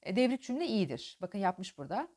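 A woman teaching diction, explaining pauses and stress and reciting poetry lines with strong emphasis. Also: medium pitch, very animated, mellow. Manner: alternates explanation with dramatic poem recitation, marked pauses and stress. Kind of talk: diction lesson with poetry reading.

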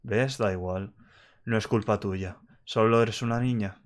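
A man from voicing a bitter, sharp-tongued young female crocodile in a curt, scornful tone. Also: fairly low pitch, steady tone, a little slow, lightly acted.

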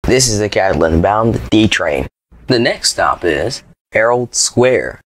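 Male transit announcer, airport-announcement style: formal, measured, slightly deep, animated intonation. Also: slightly rough, dry recording, low-quality recording. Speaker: train announcer.

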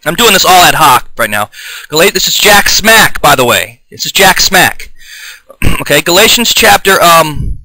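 A man giving an improvised, combative video sermon, reading scripture aloud, often restarting and clearing his throat. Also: high-pitched, bright, forceful tone, no room sound, low-quality recording. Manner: fired-up, combative, denouncing opponents. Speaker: self-taught online preacher.

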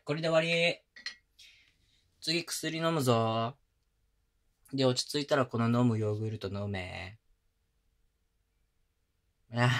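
Close to a binaural mic, a voice actor with a voice on the high side plays a young boyfriend in a Japanese girlfriend-experience roleplay audio drama. Rough-spoken but doting, he coaxes and pampers his partner in casual slang, softening it at times with gentle, close whispers.

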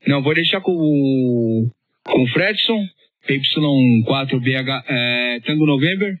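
A man's voice: medium pitch, animated, slow pace, no room sound. A Brazilian man chatting in a chummy, colloquial way as a ham operator over two-way radio. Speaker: amateur radio operator leading the exchange. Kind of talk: casual ham radio chat. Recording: dull, band-limited shortwave radio audio.

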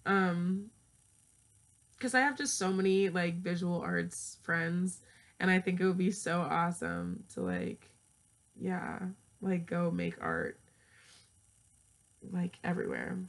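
Speaking slowly and expressively in a fairly low voice, with frequent pauses, a twenty-year-old chats to camera in her small bedroom. She rambles and curses while thinking out loud, captured through an earphone mic and laptop webcam.

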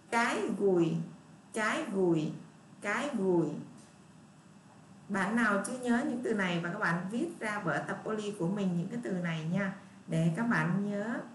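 A woman teacher, patiently leading a first-grade lesson and repeating words slowly for young children. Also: medium pitch, lively intonation, recorded from a distance. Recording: echoey room, voice off-mic, faint noise.

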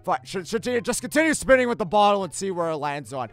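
A man's voice: sits high, lively intonation, fast talker. A man voicing a grumpy, easily panicked cartoon hedgehog antihero, ranting in exasperation and stammering when nervous. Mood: nervous, flustered. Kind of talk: comic dub voice acting. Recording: music playing behind the voice.

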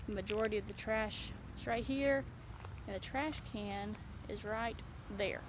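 A woman's voice: medium pitch, unhurried. Emphatic woman vlogger, roomy echo. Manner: emphatic and rallying, repeats key words. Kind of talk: direct-to-camera vlog and announcement. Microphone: phone or camera close to her face. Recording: roomy echo, faint background hiss.

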